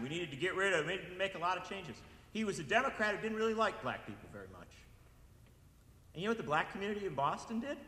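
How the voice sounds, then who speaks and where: Man, from Wisconsin, political speech, impassioned, very bright sharp tone, roomy echoey hall. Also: on the high side. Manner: impassioned, rising to shouted repeated appeals. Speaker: speaker at a political event. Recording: echoey hall with long reverb.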